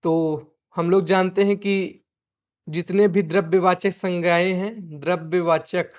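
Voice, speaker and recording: A man's voice: high voice, steady tone, unhurried, a little mellow. A male Hindi teacher going through an exam answer key, asking himself questions and repeating the answers like a drill. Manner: repeats his own questions back as drill. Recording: dull lo-fi recording.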